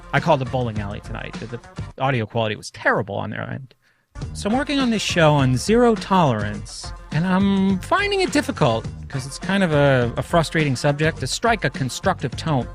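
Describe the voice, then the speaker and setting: A man hosting a podcast solo in a casual, conversational and self-deprecating way, speaking into a studio microphone. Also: medium pitch. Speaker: podcast host. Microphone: studio microphone through a mixer.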